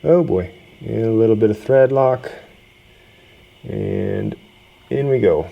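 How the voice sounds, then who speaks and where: Working through a machinery repair on video, this male host talks in a relaxed, self-deprecating way from his workshop. He speaks slowly in a low, gravelly voice with a breathy edge and wildly swooping pitch, and the audio sounds dull.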